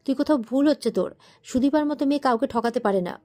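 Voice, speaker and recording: A woman's voice: sits high, fast talker, darkish tone. A woman reading the lines of a middle-aged mother pleading with her upset son. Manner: pleading, reassuring.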